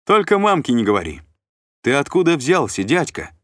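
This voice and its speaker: A man voicing a boastful young male warrior, cheeky and loud, in an audiobook. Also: medium pitch, huge pitch swings, moderate pace, no echo, clean studio sound, pitched above the performer's own voice. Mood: boisterous. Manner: loud, exuberant shouting.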